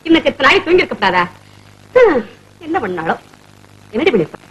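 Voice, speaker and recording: A woman's voice: sits high, sing-song, fairly quick, rough recording. A bossy, meddling neighbor woman. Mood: scheming. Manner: bossy, gossipy, theatrical exclamations. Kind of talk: 1970s Tamil film comedy acting.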